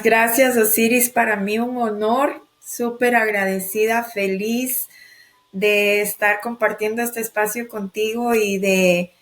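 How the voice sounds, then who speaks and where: Expressive woman guest from Ecuador. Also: mid-range voice. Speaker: guest, life and business strategist. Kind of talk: podcast interview.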